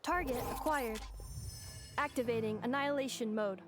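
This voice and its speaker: Woman as a high-voiced analytical robot girl. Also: moderate pace, close to an everyday voice. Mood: cool, commanding. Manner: clipped, formal, matter-of-fact machine announcements. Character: female combat robot, polite, literal, coolly analytical. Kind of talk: video game character acting. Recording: music behind the voice.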